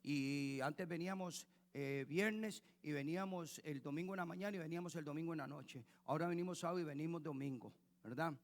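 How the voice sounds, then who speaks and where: Male pastor, slightly higher voice, sermon in a church with long hall echo, repetitive rhetorical preaching. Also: fairly quick.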